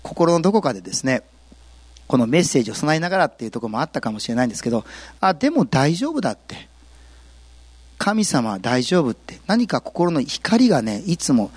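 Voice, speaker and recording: A male pastor giving a sermon, telling the story with lively, acted-out quotes. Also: a little high, no echo. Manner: animated storytelling, acts out quotes.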